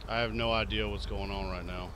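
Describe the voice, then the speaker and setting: An American man role-playing a sheriff's deputy in a game, giving radio calls and banter in a steady, deadpan way with casual swearing. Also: fairly low pitch, a little fast. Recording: noisy game sound, vehicles behind. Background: game vehicles and street ambience.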